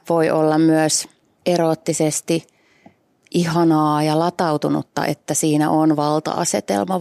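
A woman's voice: sits low, vocal fry, a little mellow, no room sound. A woman guest on a podcast, talking in a thoughtful way and searching for words as she reads aloud and reflects. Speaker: guest journalist. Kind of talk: casual podcast chat and reading aloud.

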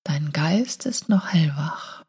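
A woman guiding a hypnotic meditation in a slow, soothing hypnotist voice, breathy and often falling near a whisper, with long pauses. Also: low voice, lively intonation, a little mellow. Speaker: meditation guide and show host.

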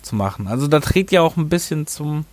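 A man's voice: fairly high pitch, animated, fairly quick, no room sound. A man hosting a casual game review podcast, rambling and often tripping over his words and correcting himself. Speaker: podcast host.

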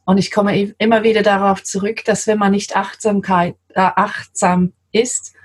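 A woman from London speaks German with an English accent, pausing often and laughing lightly as she talks about her work. Her voice is husky and breathy. She sounds like a guest in her forties in a relaxed interview. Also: medium pitch. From London, England. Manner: warm, giggly, hesitant with many fillers. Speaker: guest, translator. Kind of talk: casual interview chat.

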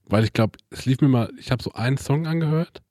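A man talking fast and bluntly, tossing out frank opinions in a casual chat. His voice sits at a middle pitch, and the sound is dry and close. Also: dark tone, dry recording.

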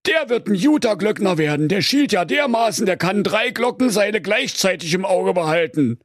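A man plays a shifty church sexton in a comedic fairy tale, with a high, nasal-edged tone and a strong Berlin accent. He stammers and dodges cheekily, and the voice has a pinched, unnatural timbre recorded close and dry. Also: animated, normal speed, no room sound. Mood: delighted.

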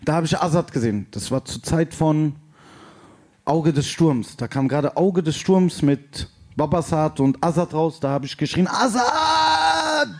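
Rapper guest, man, high voice, animated storyteller. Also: moderate pace. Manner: animated storyteller, shouts and acts out voices in anecdotes. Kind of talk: casual chat on a live stage.

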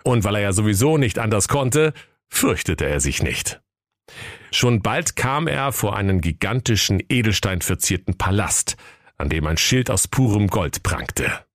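Deep-voiced man telling a comic fairy tale. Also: a little slow, no echo, clean studio sound. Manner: lively, playful storytelling. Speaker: storyteller.

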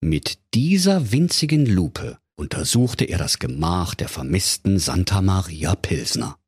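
A man's voice: low voice, sing-song, measured pace, husky. A man narrating a comic fairy tale for children in a playful, mock-solemn storyteller's manner.

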